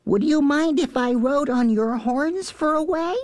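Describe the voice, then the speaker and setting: A storyteller voicing a small, cheeky male bug in a squeaky, chirpy voice. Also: a little slow, darkish tone, no room sound. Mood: cheery.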